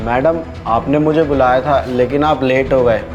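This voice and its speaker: A man's voice: medium pitch, steady tone, moderate pace, lo-fi sound, over music, close to an everyday voice. A man playing a humble young driver who pleads politely with his employer. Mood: pleading. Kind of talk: amateur web drama acting.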